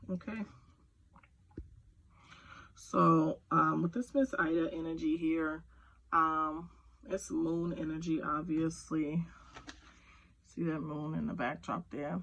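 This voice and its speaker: A gravelly, low-voiced woman reads tarot casually at home with her kids around, meandering and leaning on fillers as she speaks to the viewer. The recording is rough, with a little hiss or hum.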